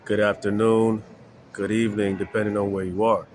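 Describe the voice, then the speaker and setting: A man in his forties, congested from allergies, talking slowly to viewers about faith and films with many pauses, fillers and "right?". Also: lowish voice, level tone, slight background noise. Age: 40s. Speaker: faith vlogger. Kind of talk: casual spiritual talk to viewers.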